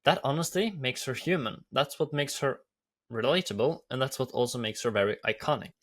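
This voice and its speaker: A man with a Norwegian accent hosts a video, explaining lessons in an eager, upbeat way. His voice is mid-pitched and plain, and he leans on repeated phrases for emphasis. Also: animated, a little fast, a bit bright. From Norway. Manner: enthusiastic, repetitive phrasing. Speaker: YouTube host. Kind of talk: commentary.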